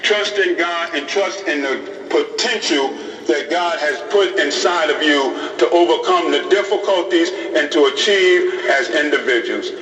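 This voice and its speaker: A middle-aged imam talks plainly to a class of police recruits, leaning on repetition to make his points. His voice sits a little high for a man. It carries through a big echoing hall and reaches a microphone set some way off. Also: measured pace, few pauses, fairly bright tone, faint music behind. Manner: plain-spoken, repeats phrases for emphasis. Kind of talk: informal talk to police recruits. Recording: roomy hall audio from a distant mic.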